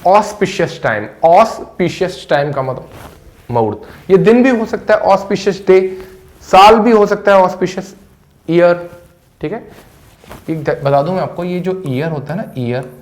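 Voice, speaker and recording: A man's voice: high voice, moderate pace, a little mellow. Hindi-accented man drilling English vocabulary. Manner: repetitive, drilling each word several times. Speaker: English teacher. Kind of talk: vocabulary lesson to camera. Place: classroom with a board.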